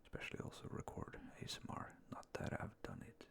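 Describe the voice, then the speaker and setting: Softly whispering into a fluffy-covered ASMR microphone held close, a male ASMR video maker rambles in a relaxed, casual way. His breathy, creaky voice is slow and hesitant, and he seems mindful and self-effacing.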